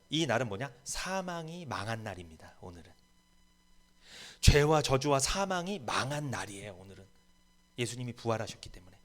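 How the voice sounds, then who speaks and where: A man's voice: medium pitch, fairly bright tone. A man preaching a sermon as pastor, emphatic and rising to bold proclamations in a church. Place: church sanctuary.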